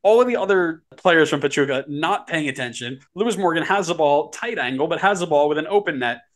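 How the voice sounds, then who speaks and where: A man co-hosting a casual soccer podcast, telling stories in an animated way, his pitch climbing as he gets excited. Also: brisk. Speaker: podcast co-host.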